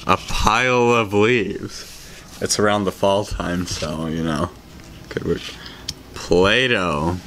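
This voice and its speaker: A young adult man hosting an amateur game show with halting host patter, recorded in a room at home. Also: low-pitched, a bit bright. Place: furnished home games room, indoors. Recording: clearly noisy room recording.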